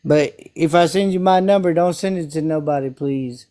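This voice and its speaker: A man's voice: a little high, normal speed, warm tone. A man from South Memphis with a Southern accent, chatting casually on a call, laid-back, laughing often and cursing freely. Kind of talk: casual chat.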